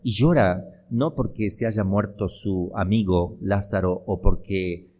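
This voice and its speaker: A man's voice: fairly low pitch, slow pace, a little mellow. An older man from Argentina, a priest delivering a homily, building emphasis with rhetorical questions.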